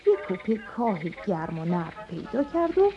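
A woman narrating a children's storybook, expressive and addressing the kids. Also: mid-range voice. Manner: animated, expressive. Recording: dull lo-fi audio with music.

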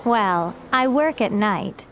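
A woman voicing a young woman answering a street interview in scripted textbook audio, with plain, even delivery. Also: medium pitch, slight background noise.

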